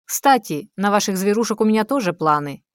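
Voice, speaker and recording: A woman reading an audiobook, voicing a cold, predatory male demon who talks in a smooth, coaxing, mocking way. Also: mid-range voice, expressive, brisk, dry recording, clean studio sound, pitched above the performer's own voice, close to an everyday voice. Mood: scheming.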